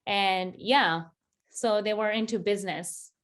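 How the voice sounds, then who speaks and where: A woman in her thirties from Kenya, an interview guest talking in a relaxed way, laughing often and using many fillers. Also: mid-range voice, a little slow. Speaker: interview guest, business founder. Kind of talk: casual interview.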